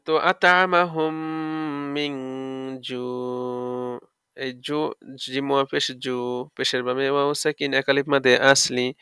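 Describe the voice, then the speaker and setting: A man's voice: medium pitch, bright, forceful tone, smooth, dry recording, clean studio sound. A man teaching Quran recitation, spelling out letters one by one and stretching out the words as he recites, often checking that listeners follow. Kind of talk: tajweed lesson, explaining and demonstrating recitation.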